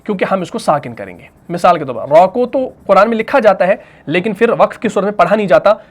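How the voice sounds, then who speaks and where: A man with an Urdu accent teaching a tajweed lesson, explaining step by step, asking and answering his own questions, and slowing into drawn-out melodic recitation for each verse. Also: sits high, expressive.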